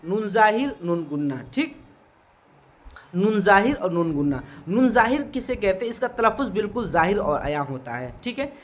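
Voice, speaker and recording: A man teaches an exam-prep grammar lesson in a patient, explanatory way. He repeats key points and often asks a question only to answer it a beat later, like a tutor checking that the class is following. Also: high voice. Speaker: Urdu teacher.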